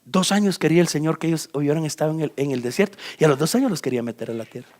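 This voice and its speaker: A man's voice: fairly high pitch, very fast. A man from Guatemala with a Guatemalan accent, preaching a sermon as pastor and talking straight to his listeners while pointing at a map. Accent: Guatemalan Spanish. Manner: animated, addresses listeners directly and points at a map.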